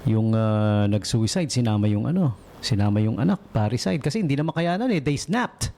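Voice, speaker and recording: A man's voice: mid-range voice, lively intonation, brisk, mellow, a little hiss or hum. A man hosting a late-night radio show, chatting casually and joking, mixing English into Tagalog and playfully mimicking cat calls. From Philippines. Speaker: radio DJ host. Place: radio studio. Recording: radio broadcast with music behind.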